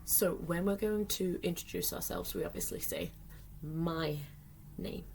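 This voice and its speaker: A woman with a notably low-pitched voice talks learners through a lesson, patient and step by step, with small fillers. A faint hum of room ambience sits behind her. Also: sing-song, measured pace, vocal fry, a little mellow. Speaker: sign language teacher. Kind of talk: friendly tutorial lesson.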